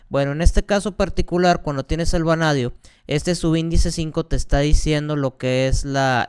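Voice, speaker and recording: A man's voice: a little high, smooth. Male teacher, patient step-by-step explainer, very clean resonant voice. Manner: patient, repeats key points, asks rhetorical questions. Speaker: chemistry teacher.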